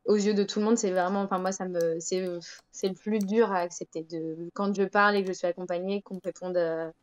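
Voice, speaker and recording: A woman's voice: fairly low pitch, steady tone, fairly quick, smooth. A woman from Europe talking frankly in casual chat on a live talk show, hesitant with many fillers and restarts. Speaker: guest traveler.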